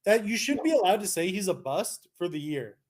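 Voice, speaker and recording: Animated young Canadian man co-hosting. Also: high voice, a little fast. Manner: animated, argumentative, many restarts. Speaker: co-host. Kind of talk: casual live-stream chat.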